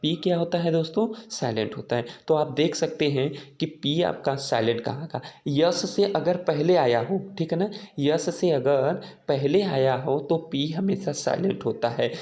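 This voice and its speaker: A teacher with a fairly high, slightly mellow voice gives his students a casual, patient lesson, speaking unhurriedly with few pauses. He keeps repeating his tag questions and writes on a board or page as he explains, which can be heard in the recording.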